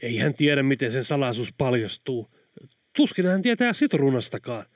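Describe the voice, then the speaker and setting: Audiobook role: emphatic, excitable man, read by a male narrator, dry close sound. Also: medium pitch, no room sound. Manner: emphatic, loud. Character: excitable adult man, insistent.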